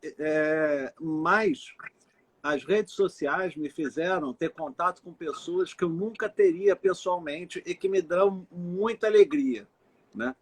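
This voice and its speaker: A man's voice: sits high, slow pace, slightly rough. A man hosting a casual live stream chat, speaking earnestly and reflectively. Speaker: live stream host, lawyer.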